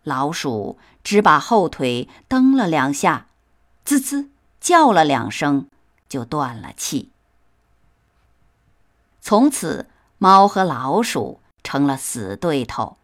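Slow, expressive woman storyteller. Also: sits low. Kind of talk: children's story reading.

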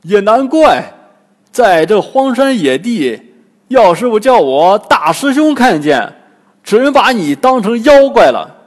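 A man voicing a greedy, hungry pig-monk in a storybook tale, loud, high and blustering. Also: big pitch swings, slow pace, long reverb tail, exaggerated voice. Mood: eager.

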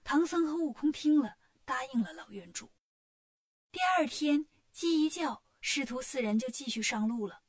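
A woman narrating a children's story in a clear, expressive way. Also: sits high, moderate pace, dry recording, studio quality.

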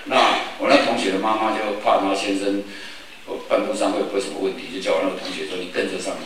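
An older man from Taiwan, telling stories at a public forum in a lively way and acting out the voices of the people in them. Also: fairly low pitch, fast talker. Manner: lively storyteller who acts out quoted voices. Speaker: forum speaker. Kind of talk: storytelling public talk. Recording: echoey hall, distant mic, background noise.

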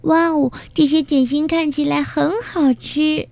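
A woman's voice: sits high, sing-song, a little slow, a little mellow, no echo, voice pushed up, full character voice. A woman doing an eager childlike young hen. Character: curious young hen girl.

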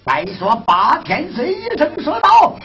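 A woman's voice: high voice, huge pitch swings, measured pace, a bit bright. A woman narrating in a traditional storytelling performance, drawing out her lines.

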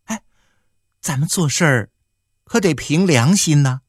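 A man's voice: a little high, lively intonation, measured pace, breathy edge, dry recording, clean studio sound, voice pushed up. A man voicing a desperate village woman who pleads tearfully and insistently, in an audiobook. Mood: pleading. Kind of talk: audiobook character voice.

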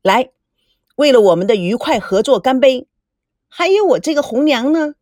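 A woman's voice: high-pitched, expressive, moderate pace, darkish tone, no room sound, studio quality, pitched above the performer's own voice. A woman voicing a jovial older brother and businessman in an audiobook, fond and easygoing. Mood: genial.

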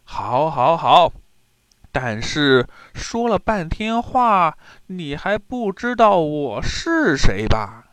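A man's voice: fairly high pitch, sing-song, takes it slowly, fairly bright tone, no echo, voice pushed up, full character voice. A man voicing a sly young fisherman hero who teases and boasts, in a children's story telling. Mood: teasing. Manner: teasing, boastful.

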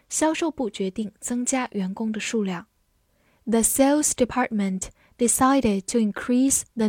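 A woman teacher with a slightly high voice teaches vocabulary at a very slow, deliberate pace. She says each word twice, carefully and clearly. The close recording sounds dry, with no room behind it. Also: darkish tone, no echo. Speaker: English teacher. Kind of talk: scripted vocabulary lesson.

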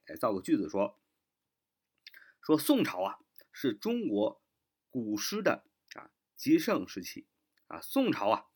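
Husky man teaching vocabulary, spelling slowly. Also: mid-range voice, bright, forceful tone. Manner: spells words letter by letter, slowly repeats words; frequent filler "啊" and "那么". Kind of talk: online vocabulary lesson.

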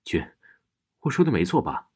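A man voicing a clever young female student who calmly explains what she found. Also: fairly low pitch, moderate pace, husky. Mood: urgent. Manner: explaining plainly.

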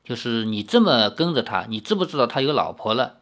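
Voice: mid-range voice, big pitch swings, moderate pace. A reader doing a stern commanding elder sister. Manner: stern, admonishing. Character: stern older sister in arms, cautious and commanding. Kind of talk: audiobook character voicing.

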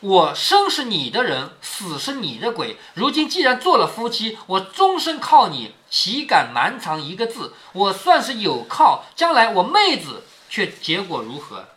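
A man's voice: high voice, huge pitch swings, a little slow, hardly any pauses, sharp tone, full character voice. A man reading out the part of a young concubine woman, earnest and pleading, in a classic novel read aloud. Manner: earnest, tearful plea.

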